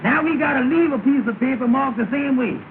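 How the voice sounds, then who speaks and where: Amos, a timid, fretful fellow, talks in a very high, nervous folksy voice. It comes through a thin, tinny 1930 film soundtrack with loud hiss underneath. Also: male voice, a little fast. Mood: jittery. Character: jittery timid young man, Amos. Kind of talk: 1930 film comedy acting.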